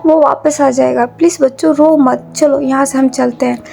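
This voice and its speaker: A woman's voice: high voice, fairly even intonation, moderate pace, vocal fry, a little mellow, soft background music. A woman reading as a soothing mother. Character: mother soothing crying children.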